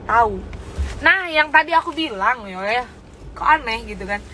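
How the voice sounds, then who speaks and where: High, bright-voiced woman giving frank advice. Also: moderate pace, a little hiss or hum, rough recording. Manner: frank, animated, asks listeners rhetorical questions. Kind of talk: casual coaching talk.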